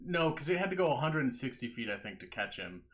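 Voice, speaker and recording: A man's voice: medium pitch, very animated, fast talker, a loud crowd. A man working as game master, narrating a live tabletop game in casual, profane banter. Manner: profane, informal.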